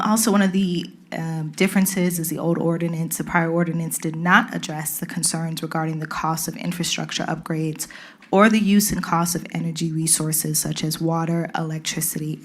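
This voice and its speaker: A woman with a Caribbean accent, a city staff presenter giving a formal policy briefing to a council, methodically walking through each change point by point. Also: low-pitched.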